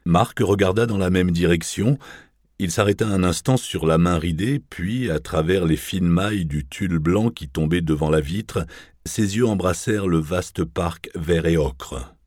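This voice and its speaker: Deep-voiced male audiobook narrator. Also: no echo, clean studio sound. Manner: measured, even literary reading.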